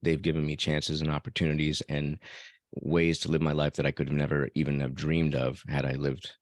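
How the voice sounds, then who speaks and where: Being interviewed casually, a Salvadoran podcaster reflects aloud with occasional fillers. His very low, rumbling voice is monotone and a little fast, captured at studio quality without echo.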